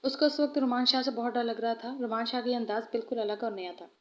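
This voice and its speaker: A woman narrating a romance novel aloud in steady storytelling, in a muffled lo-fi recording. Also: a little high, fast.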